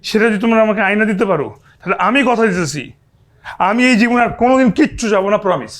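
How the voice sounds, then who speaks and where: A restless lovestruck young son. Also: male voice, high-pitched, animated, very fast, a bit bright. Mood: pleading. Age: young adult. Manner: restless, pleading. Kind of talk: TV drama acting.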